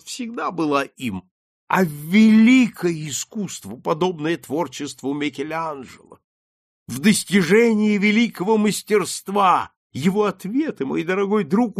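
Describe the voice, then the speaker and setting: A man voicing an excitable older English lord who gushes in rising, breathless exclamations. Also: high voice, creaky, voice pushed up, heavily acted. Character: excitable old male English lord, gushing.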